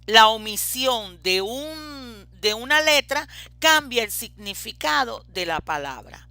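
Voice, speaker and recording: A woman's voice: on the high side, expressive, slow, pushed and bright. A woman teaching a lecture on reading and writing, explaining step by step with frequent hesitant fillers.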